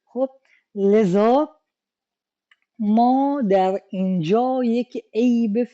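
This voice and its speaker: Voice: medium pitch, mellow, lo-fi sound. A literature teacher explaining a lesson, asking questions and answering them, with frequent fillers.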